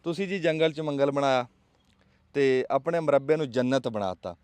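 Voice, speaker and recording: In a casual outdoor vlog, a host with a Pakistani Punjabi accent uses an emphatic, rhetorical, folksy storytelling manner. His voice is mid-range, smooth and a bit dark, at normal speed, in a dry recording.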